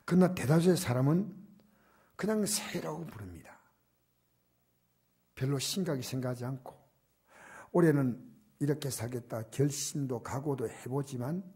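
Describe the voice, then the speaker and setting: Older male pastor for a church sermon; dark, husky voice, loud urging that drops to near-whispers. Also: mid-range voice. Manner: shifts from loud emphatic exhortation to soft, near-whispered asides. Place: church sanctuary.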